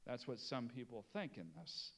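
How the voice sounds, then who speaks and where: A man's voice: mid-range voice, expressive, normal speed, a bit bright. A middle-aged man preaching a sermon, drawing out key words for emphasis and talking plainly to his congregation. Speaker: pastor.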